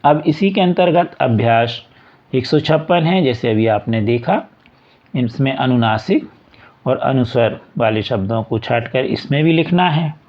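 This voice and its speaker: A man's voice: mid-range voice, expressive. A man teaching a school workbook lesson, reading a passage aloud and then going through example words one at a time, patiently. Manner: slow, patient, repeats examples word by word. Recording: dull lo-fi recording.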